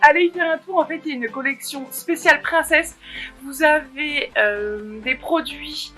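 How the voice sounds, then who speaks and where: Vlogger woman, fairly high bright voice, excited chatty delivery, faint music behind. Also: moderate pace. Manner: enthusiastic, many fillers and restarts. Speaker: fashion vlogger. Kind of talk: casual product showcase.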